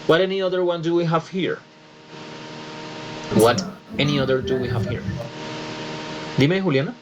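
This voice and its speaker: A man's voice: on the high side, animated, unhurried, crowd noise. A man teaching English pronunciation in an online class, patiently explaining and checking in with students. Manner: switches between Spanish and English, patient explaining with frequent "¿listo?". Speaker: English tutor. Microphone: computer mic on a video call.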